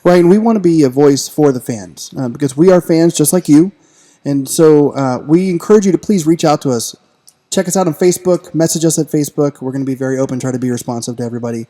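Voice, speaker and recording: Speaking fast in a warm, slightly high voice, this man co-hosts a laid-back podcast. He jokes around eagerly and leans on lots of filler words.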